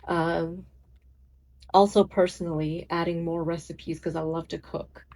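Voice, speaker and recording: A woman's voice: fairly low pitch, level tone, unhurried, warm tone. A woman speaking earnestly and reflectively as an interview guest, often repeating her phrases. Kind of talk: reflective casual interview talk.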